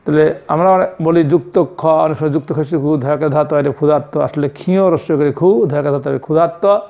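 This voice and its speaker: A male primary school teacher with a Bangladeshi accent, giving a slow classroom lesson and spelling out words letter by letter. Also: on the high side, gravelly, dull audio. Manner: spells words letter by letter, repeats each meaning several times.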